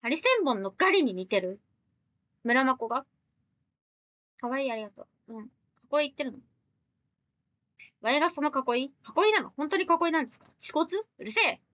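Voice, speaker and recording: A woman's voice: high-pitched, expressive, fairly bright tone, no echo, muffled recording. A woman live streamer chatting casually, reading viewer comments aloud and firing back blunt, teasing retorts. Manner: blunt, teasing retorts mixed with quick questions.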